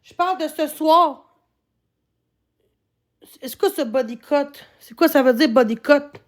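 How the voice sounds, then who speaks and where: A woman with a Québécois French accent, talking live to her chat, swearing constantly, repeating herself and bursting into shouts. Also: sits high, unhurried. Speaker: livestreamer answering her chat. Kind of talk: live-stream rant.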